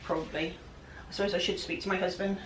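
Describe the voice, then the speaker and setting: A woman from the England-Wales border with a West Country English accent narrates painting a piece of furniture in a casual DIY vlog. As a furniture flipper, she chats, rambles, and pokes fun at herself. Her voice is fairly low and steady, her pace quick, with a little hiss or hum.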